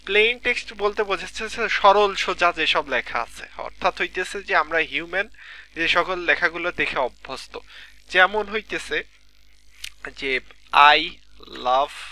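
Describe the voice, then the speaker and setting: A man's voice: sits high, fairly quick, bright, forceful tone. A man teaching a live online class from a computer mic, explaining step by step and checking in with students often, with a Bangladeshi Bengali accent. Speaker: lecturer.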